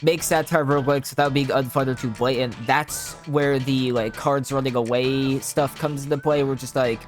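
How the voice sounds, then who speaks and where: A man's voice: medium pitch, fairly even intonation, soft background music. A man, an indie game developer, bantering casually and joking with his co-host while explaining design and coding ideas. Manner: joking, quick to laugh, casual "bro" banter.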